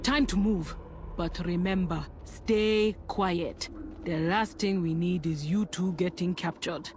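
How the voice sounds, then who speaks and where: An actress voicing a stern, focused troll princess leading a mission in a video game. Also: female voice, on the low side, slow pace. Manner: firm, commanding. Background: game music.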